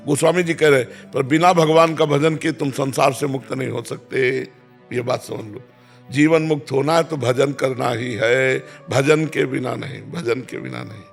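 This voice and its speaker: A man, calmly answering devotional questions as a spiritual teacher and repeating key phrases. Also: fairly high pitch, gravelly. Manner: calm, repeats key phrases, chants verses slowly.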